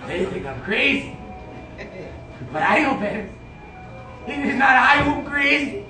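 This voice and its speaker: A man's voice: very high voice, big pitch swings, measured pace, over music, exaggerated voice. A man on a small theater stage playing a manic male chihuahua space captain, ranting shrilly and unhinged. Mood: crazed. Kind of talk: live stage comedy acting. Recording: echoey room from a far phone camera, audience laughter.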